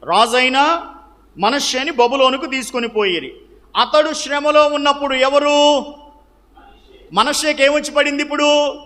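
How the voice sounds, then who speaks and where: High-voiced man teaching scripture, reverberant hall. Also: bright, forceful tone. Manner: asks the listeners questions and answers them himself; repeats key phrases for emphasis. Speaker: preacher and Bible teacher. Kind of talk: question-and-answer Bible teaching. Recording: long reverb of a large hall.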